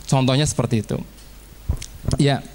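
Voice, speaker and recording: A man's voice: medium pitch, fairly even intonation, moderate pace. A man, a teacher, giving a casual training presentation to fellow teachers, chatty and acting out little classroom dialogues. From Indonesia.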